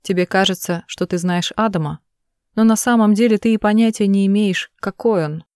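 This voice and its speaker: A woman's voice: mid-range voice, a little fast, a little mellow, clear, resonant tone, no echo, studio quality, lightly acted. Woman reading as a tearful pleading mother. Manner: pleading, urgent. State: crying.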